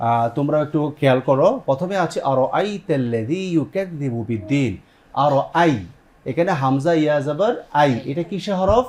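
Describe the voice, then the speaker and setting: A man's voice: on the high side, animated, darkish tone. Patient male Quran teacher quizzing students. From Bangladesh. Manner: patient step-by-step explaining, quizzing students with questions; repeats students' answers back, sounds out Arabic words slowly. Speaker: Quran recitation teacher and TV host. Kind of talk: televised Quran tajweed lesson.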